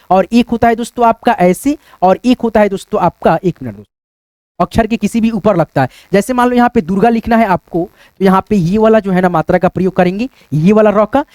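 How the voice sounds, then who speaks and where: A man teaching a whiteboard lesson, spelling out letters slowly and checking in with listeners, sweating as he works. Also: sits high, a little mellow, no echo. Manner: repeats "friends" and tag questions, spells out letters slowly.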